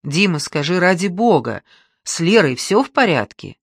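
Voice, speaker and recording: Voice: mid-range voice, sing-song, normal speed, breathy edge, dry recording. An audiobook reader voicing an older grandmother who fusses, gives kindly instructions and gets easily flustered, in a dry close recording. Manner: fussing, instructing, anxious. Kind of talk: audiobook reading.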